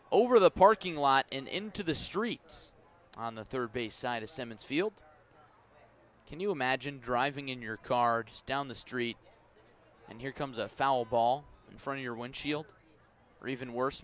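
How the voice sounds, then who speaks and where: A man does live radio baseball commentary in a mid-pitched, slightly bright voice. His phrasing stays measured and unhurried, rising in intensity when the ball is in play.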